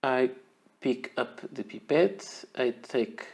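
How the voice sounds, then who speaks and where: A man whose first language is Portuguese, speaking with a Portuguese accent, talks through an ink demonstration in a casual, unhurried way, often repeating words while he works. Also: medium pitch, animated, vocal fry, a little mellow. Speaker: fountain pen ink reviewer.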